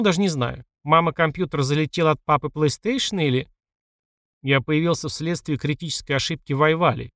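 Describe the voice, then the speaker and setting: A man's voice: fairly high pitch, no room sound. A man reading a first-person fantasy audiobook in a dry, wry storytelling manner. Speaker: audiobook narrator.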